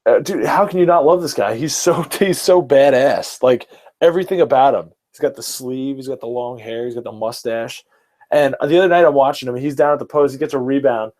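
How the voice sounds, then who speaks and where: A man's voice: medium pitch, fairly quick, a little mellow. Enthusiastic young man chatting sports. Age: early 20s. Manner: enthusiastic, rambling, fillers and restarts. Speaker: podcast host. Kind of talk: casual sports chat.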